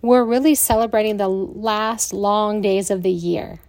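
A woman's voice: mid-range voice, unhurried, a little mellow, no echo. An American woman who teaches yoga nidra, explaining things informally.

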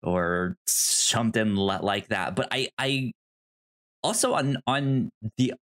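A podcast host in a casual discussion speaks hesitantly in a lowish voice with a fairly bright tone, his delivery halting as he often stammers over his words.

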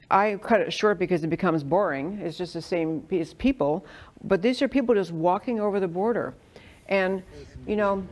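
A woman's voice: on the low side, darkish tone. A woman from New York hosting a conversational political interview, speaking in an opinionated, discursive way. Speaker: interview host.

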